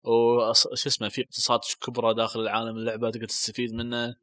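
Rapid-fire bright man. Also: medium pitch, completely flat delivery, dry recording. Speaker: podcast co-host. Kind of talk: casual gaming podcast chat.

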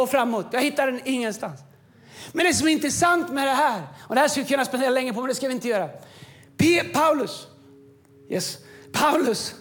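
High-voiced man preaching with soft music. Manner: impassioned preaching, swings from quiet to shouting. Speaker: pastor. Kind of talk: sermon. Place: church stage with music behind.

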